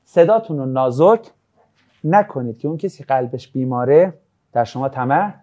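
Lively male religious teacher, mellow voice. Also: mid-range voice, dull audio. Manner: lively, jokey, acts out anecdotes. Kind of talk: classroom lecture on religious ethics.

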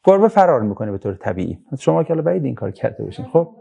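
Animated man lecturing, warm mellow voice. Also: vocal fry, husky, highs cut off. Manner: animated storytelling, voice rising high for emphasis, drops low for asides. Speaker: lecturer on relationships and morality. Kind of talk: religious-moral lecture to young audience.

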